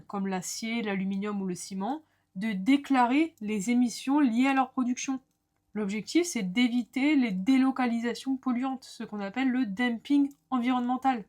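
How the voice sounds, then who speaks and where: Woman teacher, fairly high voice, methodical explainer with friendly asides to the viewer. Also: moderate pace, a little mellow. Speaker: law lecturer. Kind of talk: explanatory lesson.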